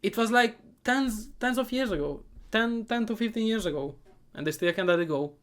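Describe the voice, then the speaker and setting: A man giving a comedic movie recap, sarcastic and profane, rambling and often trailing off into quieter asides. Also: high voice, expressive, normal speed. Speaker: movie reviewer.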